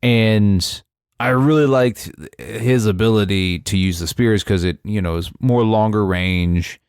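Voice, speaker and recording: Low-voiced, halting man chatting about games. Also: darkish tone, clean tone, dry recording, studio quality. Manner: hesitant, halting, searching for words. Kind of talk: casual gaming discussion.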